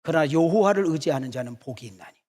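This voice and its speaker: A middle-aged man preaches in a church with a high-pitched voice. He teases his congregation and throws out rhetorical either-or questions. He keeps the listeners engaged with banter. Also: expressive, fast, darkish tone. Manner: teasing, rhetorical back-and-forth questions. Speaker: senior pastor. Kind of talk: sermon.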